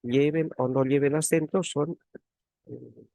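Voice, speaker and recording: Gravelly-voiced man teaching an online class. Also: a little high, fairly even intonation, slow, dark tone, no room sound. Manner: repeats key words, frequent tag questions. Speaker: teaching assistant. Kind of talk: online grammar tutorial. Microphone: computer mic on a video call.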